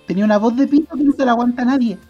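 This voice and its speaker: Chilean man telling animated stories. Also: very high-pitched, very fast, slightly rough, dull audio, soft background music. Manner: animated, acts out voices in his stories. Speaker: podcast co-host. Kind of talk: casual storytelling chat.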